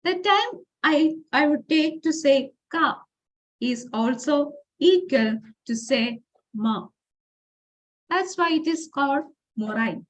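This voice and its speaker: A woman's voice: high-pitched, lively intonation, slow pace. A woman giving an informal lecture presentation, explaining step by step with fillers and restarts, and reading example phrases aloud. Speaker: forum speaker.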